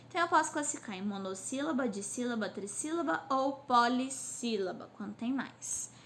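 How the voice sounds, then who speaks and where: A woman teacher gives a recorded class lesson to children, sounding out words slowly syllable by syllable, recorded on a phone on a stand. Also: high voice, fairly bright tone, a little hiss or hum. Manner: slow syllable-by-syllable drilling.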